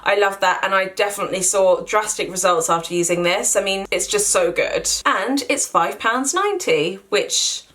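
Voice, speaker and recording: A woman's voice: mid-range voice, moderate pace, few pauses, a bit bright. A woman in her twenties giving a casual, chatty skincare review, often doubling words for emphasis and filling gaps with "like". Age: 20s. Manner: chatty, repeats words for emphasis, many fillers. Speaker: beauty vlogger.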